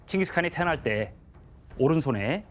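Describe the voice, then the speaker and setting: Man giving a lively history lecture. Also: a little high, faint music behind. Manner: measured explaining with frequent "예" fillers. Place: TV studio.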